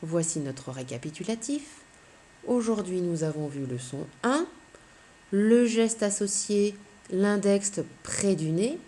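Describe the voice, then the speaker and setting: A woman teacher giving a slow, clear phonics lesson to young children, patiently spelling out letters one by one. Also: medium pitch, lively intonation, mellow.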